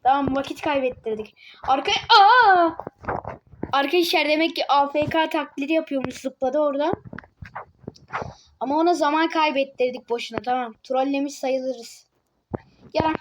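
A woman giving casual gameplay commentary, excitable, teasing other players and yelping or muttering to herself while she plays. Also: high voice, normal speed, pauses often, background noise. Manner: excitable, yelps and mutters to self while playing. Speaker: gaming video creator.

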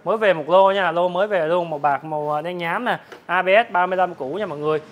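Fast-talking, higher-voiced man doing a hard-sell pitch. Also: fairly even intonation, muffled recording, slight background noise. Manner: hard-sell, repetitive price listing addressed to viewers. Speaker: motorbike dealer presenting his stock. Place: large open-sided metal-roofed motorbike warehouse.

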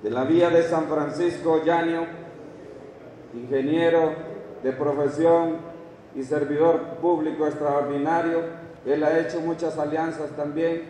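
A middle-aged Honduran man stands at a lectern in a large hall and reads out town after town in a formal speech. His voice sits fairly high for a man. The hall adds a long, echoing reverb, and the lectern mic picks him up from some distance away. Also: fairly even intonation, measured pace, mellow, slight background noise. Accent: Honduran Spanish. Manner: reads long lists of towns and names from a page, with asides. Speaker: official speaker at a graduation ceremony. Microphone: lectern microphone. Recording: echoey hall recorded from a distance.

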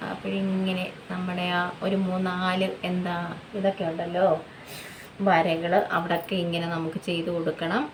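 A woman's voice: on the low side, monotone, moderate pace, a little hiss or hum, rough recording. A woman beauty vlogger chatting casually at home through a skincare tutorial, repeating herself and constantly checking in with viewers. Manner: chatty, repetitive, often adds tag questions to viewers.

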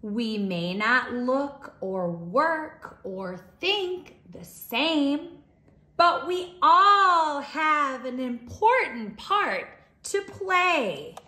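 Her high-pitched voice carries a storybook reading for young children, delivered by a teacher in an expressive, deliberate manner. The indoor space around her echoes noticeably.

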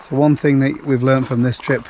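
A man's voice: medium pitch, level tone, normal speed, noisy background. A man vlogging on a camping trip in a camper van, chatting casually with dry, self-mocking jokes. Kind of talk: casual vlog chat.

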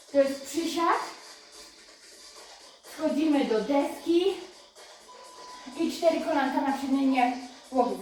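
A female fitness instructor coaching a live workout, counting reps and giving brisk, encouraging cues while she exercises, sometimes short of breath. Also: high voice. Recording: echoey room, voice from a distance, music behind.

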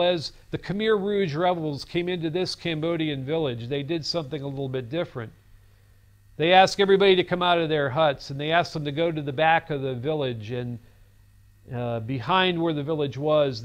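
On a studio classroom set, a man in his fifties with a slightly high voice lectures for a recorded seminary class at a normal pace. He's earnest, telling a story and gesturing, with a lapel mic picking him up.

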